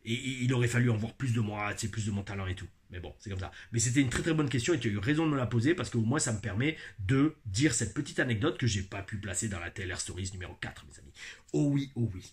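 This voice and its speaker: A man from France hosting a review show, talking in an animated, chatty way and laughing often. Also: medium pitch, fast talker. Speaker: host of a wrestling review show. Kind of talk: casual chat.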